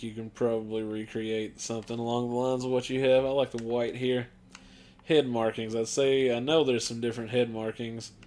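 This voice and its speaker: A man's voice: medium pitch, a little mellow. Offhand, rambling male gameplay commentator. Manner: rambling, offhand, lots of fillers. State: tired, hiccuping and yawning. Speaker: gaming channel host.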